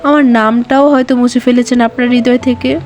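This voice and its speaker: A woman's voice: a little high, fairly even intonation, a little fast, darkish tone, soft background music, natural voice. A woman voicing a heartbroken young woman. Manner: trembling, tearful pleading. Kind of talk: audio story reading.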